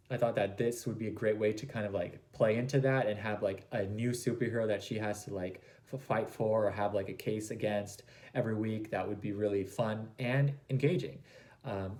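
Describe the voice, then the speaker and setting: A man's voice: on the low side, warm tone. Enthusiastic, rambling man giving fan commentary. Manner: enthusiastic, gushing. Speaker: reaction video host.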